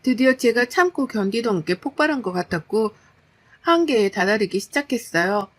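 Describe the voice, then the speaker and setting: Woman telling a story, slightly high. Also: expressive, normal speed, a bit bright. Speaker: narrator. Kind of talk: storytelling narration.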